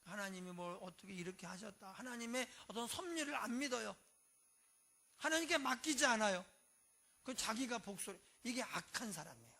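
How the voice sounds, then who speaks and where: A pastor preaching a sermon in a conversational way, often dropping in short affirmations and shifting between loud and quiet. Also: medium pitch, animated, fairly quick.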